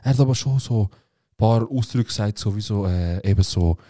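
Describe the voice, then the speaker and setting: A young man tells a rambling story in a casual, slang-heavy chat. His voice sits low and dark, and the words tumble out quickly.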